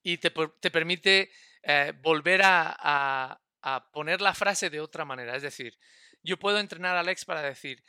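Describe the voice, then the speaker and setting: Bright, crisp-voiced man explaining tech. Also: a little high, moderate pace, no echo, clean studio sound. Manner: stop-start, repeats words while thinking. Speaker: guest expert. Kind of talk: technical explanation in a podcast.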